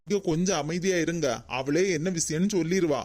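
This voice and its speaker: A woman voicing a caring, insistent daughter-in-law with a Kanyakumari Tamil accent, who keeps probing and coaxing in an animated comedy cartoon. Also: low voice, a little fast.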